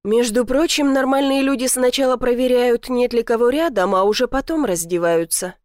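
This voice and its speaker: A woman voicing a dry-witted police officer in his thirties in an audiobook, calm, mocking and unbothered. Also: fairly high pitch, normal speed, dry recording, lightly acted. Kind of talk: audiobook character voice.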